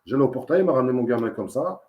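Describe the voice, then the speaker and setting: A man's voice: medium pitch, animated, racing, roomy sound, muffled recording. A man giving a casual, emphatic testimony as an interviewee, telling his story in a repetitive, insistent way. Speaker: interviewee, father in dispute with social services.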